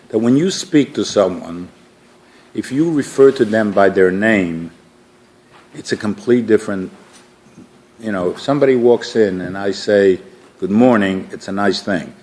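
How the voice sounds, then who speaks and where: A man teaching a relaxed religious class, telling stories in a conversational way with frequent restarts and fillers. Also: fairly low pitch, moderate pace, pauses often. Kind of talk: informal religious class talk.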